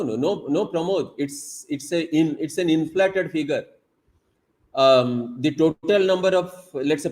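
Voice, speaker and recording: A man's voice: fairly high pitch, darkish tone, rough recording. A man from Odisha with an Indian English accent, whose first language is Odia, giving an emphatic online lecture with many fillers and repetitions. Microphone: video call.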